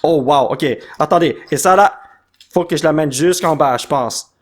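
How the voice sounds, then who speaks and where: A man doing casual unboxing commentary, excitably reading card names and mixing in English slang. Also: a little high, moderate pace. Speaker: YouTuber opening card packs.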